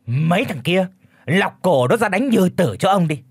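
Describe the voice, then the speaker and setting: A man's voice: a little high, big pitch swings, measured pace, no echo, clean studio sound. Man playing a bellowing tyrant village chief. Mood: bullying. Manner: shouting, threatening, bossy. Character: bullying, foul-mouthed old male village chief.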